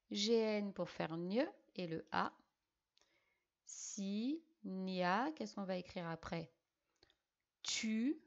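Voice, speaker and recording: A woman teaching young pupils, correcting a dictation by sounding out each syllable and letter slowly. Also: medium pitch, darkish tone, dull audio. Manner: slow, syllable-by-syllable spelling out. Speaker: primary school teacher.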